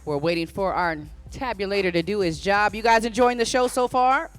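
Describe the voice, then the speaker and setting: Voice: medium pitch, fairly quick. Live stage emcee with music playing behind. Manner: directive, calling out poses to competitors. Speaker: bodybuilding show announcer and emcee. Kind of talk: live stage announcing to athletes and audience. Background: event music.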